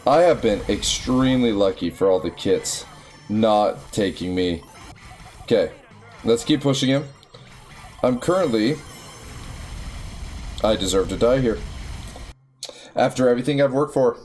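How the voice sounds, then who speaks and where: A young man giving casual, excitable commentary while playing a video game, yelping and squealing at his wins. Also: fairly low pitch, a little slow, long pauses. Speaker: gaming YouTuber. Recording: faint music behind.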